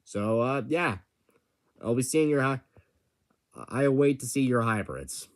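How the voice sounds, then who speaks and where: A man's voice: medium pitch, a little slow. A young man casually explaining contest rules, stammering often with many restarts and fillers. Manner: impulsive, enthusiastic. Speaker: channel host announcing a creature-design contest. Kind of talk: casual unscripted rules rundown.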